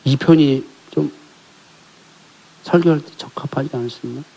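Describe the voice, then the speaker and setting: A male pastor preaching a sermon in a church, telling a family story and asking the congregation questions, rising to emphatic calls and dropping to hushed near-whispers. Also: medium pitch, normal speed, vocal fry. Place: church sanctuary.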